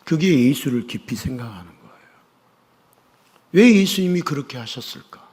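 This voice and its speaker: A male pastor preaching a sermon in a church, firing questions at his congregation and pressing them to answer, swinging between loud emphasis and hushed asides. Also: mid-range voice, expressive, moderate pace. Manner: call-and-response questioning of the congregation. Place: church sanctuary. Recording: long church reverb.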